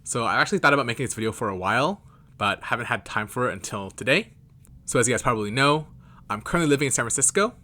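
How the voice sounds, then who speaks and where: A man's voice: medium pitch, expressive, fast, pushed and bright. A young American man in his twenties, chatting casually to camera in a loose, rambling way. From California, United States. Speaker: K-pop fan vlogger.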